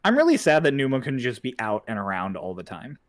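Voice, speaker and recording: A man's voice: medium pitch, huge pitch swings, brisk, no room sound. A man co-streaming a game, chatting in an easygoing, teasing way and laughing often. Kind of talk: casual gameplay chat. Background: faint game music.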